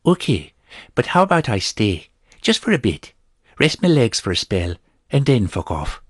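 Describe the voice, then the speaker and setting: A man's voice: mid-range voice, sing-song, moderate pace, slightly rough, no echo, clean studio sound, pitched above the performer's own voice. A man voicing a sly, easygoing male wanderer in a fantasy audiobook.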